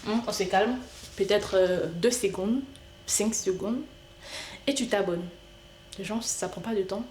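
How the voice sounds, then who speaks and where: A woman chats her way through a game in a playful, talkative manner, addressing the on-screen customers as if she were really serving them. Her voice sits at a middling pitch, and the recording carries a noticeable room echo. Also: a little mellow, slight background noise. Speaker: gaming video creator. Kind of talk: casual gameplay commentary. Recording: echoey room.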